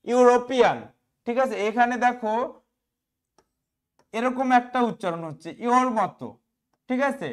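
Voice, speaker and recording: A man's voice: sits high, clear, resonant tone. Male teacher asking and answering questions. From West Bengal, India. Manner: asks questions and answers them himself, often checks "okay?". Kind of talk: explaining grammar in a class video.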